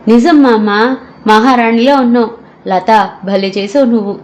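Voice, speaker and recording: A woman voicing a cheeky, teasing woman in an audio story, speaking high and loud. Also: fairly even intonation, normal speed, dull audio, lightly acted. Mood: delighted.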